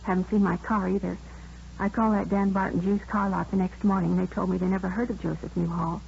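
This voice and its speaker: Lightly acted, the performance has a mid-range, creaky, slightly mellow voice with little pitch movement, delivered fairly quickly. The actress portrays a proper, indignant nursery-school owner who is chatty, earnest, and feels wronged, in a 1950s radio play. The audio is muffled, old-radio style with some faint noise.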